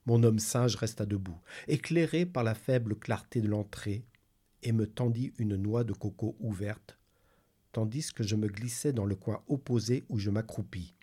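A man reading a novel aloud as a measured, deliberate narrator. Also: fairly low pitch, mellow, breathy edge. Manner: slow, measured storytelling. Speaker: reader.

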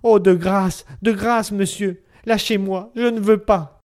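A grieving young wife begging in a broken, pleading voice, as a man reading aloud puts her on. Her voice sits clearly higher and louder than the narration. It is storybook drama. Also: expressive, normal speed.

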